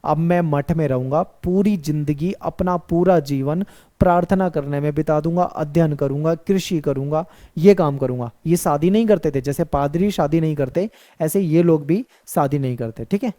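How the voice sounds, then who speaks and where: A man's voice: a little high, normal speed, dark tone. A male teacher giving an exam-focused history lecture, who asks questions, answers them himself and repeats key points.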